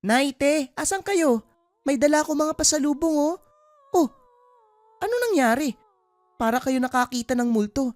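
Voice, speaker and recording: A woman's voice: sits high, normal speed, pauses often, darkish tone, no echo, natural voice. A woman voicing a young woman who pleads and questions urgently in a dramatized horror story. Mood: pleading, distressed. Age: young adult.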